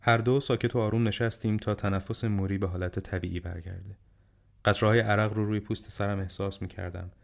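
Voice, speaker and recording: A man narrating an audiobook in a steady, measured storytelling manner. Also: lowish voice, vocal fry.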